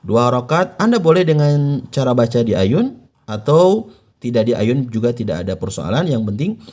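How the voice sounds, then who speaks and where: An Indonesian man teaching Quran recitation, explaining patiently and slowing down to model each phrase for the listener to repeat. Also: mid-range voice, sing-song, a little mellow. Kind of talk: instructional explanation with slow demonstrations.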